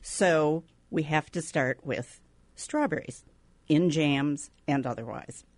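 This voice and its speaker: A woman's voice: deep voice, slow pace, no echo. A middle-aged woman hosting a food podcast, chatting enthusiastically and laughing easily. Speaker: podcast host. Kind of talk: casual food podcast chat.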